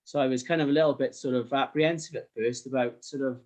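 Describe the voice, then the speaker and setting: A man's voice: medium pitch, fairly even intonation, fast, darkish tone. A middle-aged man with a South Wales Valleys accent, chatting casually in an interview in a modest, hesitant way. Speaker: podcast guest, sports graphic designer.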